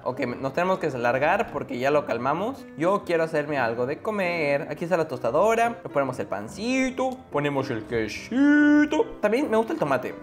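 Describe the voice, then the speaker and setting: A man giving playful, jokey let's-play commentary and cooing at a baby in the game. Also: on the high side. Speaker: gaming YouTuber.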